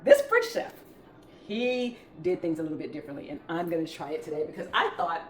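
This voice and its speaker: A Southern-accented woman hosts a home cooking vlog, chatting informally through a demonstration in her home kitchen. Her voice is fairly low and fairly quick, with wildly swooping pitch. The recording picks up roomy kitchen echo and clattering utensils.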